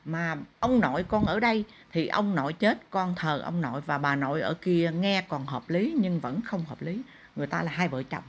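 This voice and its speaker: A woman's voice: low-pitched, moderate pace, breathy edge. A middle-aged woman, a spirit medium, lecturing a client firmly. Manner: firm, lecturing. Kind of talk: counselling a client in a spirit ritual.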